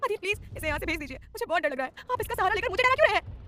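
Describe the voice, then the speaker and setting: Woman doing a panicky young woman, high pleading voice, rushed, audio story heroine. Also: a bit bright, a little hiss or hum. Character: frightened young woman held by a mafia boss. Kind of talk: dramatized audio story reading.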